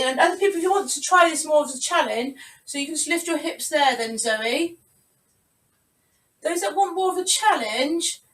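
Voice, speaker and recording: A woman's voice: high voice, fairly bright tone. A woman teaching a live online Pilates class, encouraging her students and counting the reps aloud. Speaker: Pilates instructor. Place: room at home, on a video call. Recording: roomy, distant video-call sound.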